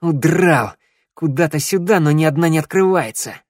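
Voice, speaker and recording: A man reading an audiobook voices a sharp-tongued, scrappy young female thief who scolds and mocks the others. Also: moderate pace, no room sound, studio quality, natural voice. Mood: agitated. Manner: shrill, scolding, mocking.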